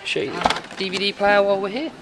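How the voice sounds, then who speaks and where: A man whose voice sits high talks fast, with music in the background. He is a car audio installer giving an informal, matter-of-fact, unscripted demo in and around a parked car.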